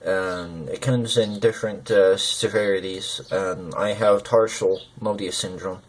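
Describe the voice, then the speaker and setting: A man talking personally to camera, hesitant and halting, with slurred lip consonants as if numb from the dentist. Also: low voice, fairly even intonation. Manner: hesitant, halting, searching for words. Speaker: gaming video creator.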